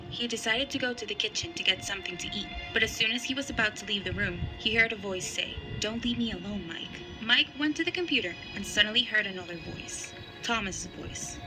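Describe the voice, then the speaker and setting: A woman reading a scripted horror story in an even, measured way. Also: mid-range voice, low-quality recording. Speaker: narrator. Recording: music playing underneath.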